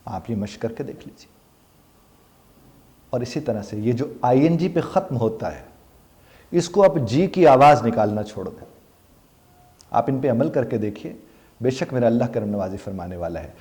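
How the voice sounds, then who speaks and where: A man teaches English pronunciation in an earnest, patient way, with a warm, mellow tone. He slows down to model English phrases carefully. He also asks his listeners questions and then answers them himself. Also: mid-range voice, lively intonation. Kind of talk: spoken English pronunciation lesson.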